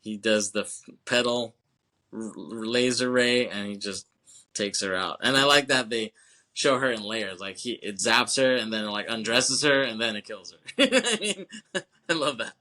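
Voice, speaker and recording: A man's voice: medium pitch, moderate pace, pushed and bright. A young man co-hosting a podcast, retelling a film loosely with profanity, laughter and lots of "like" and "you know". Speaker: podcast co-host. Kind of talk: casual chat recapping a film.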